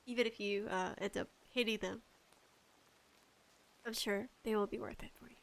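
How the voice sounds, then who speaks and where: A woman with a gravelly, nasal, congested voice of medium pitch hosts her own casual podcast at a moderate pace. Her rambling is animated and pleading, with self-deprecating asides.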